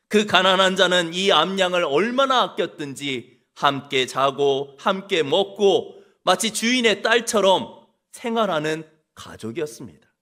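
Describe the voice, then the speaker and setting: A male senior pastor preaching a sermon, telling the story dramatically and dropping to soft low lines. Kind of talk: sermon with acted scenes.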